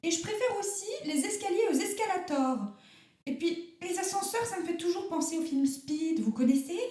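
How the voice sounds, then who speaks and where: A woman's voice: very high voice, animated, normal speed, warm tone, heavy reverb, pitched above the performer's own voice. A woman playing a grand, theatrical national actress who is fearful and fussy, speaking in an affected, precious and rambling way in a comic radio sketch.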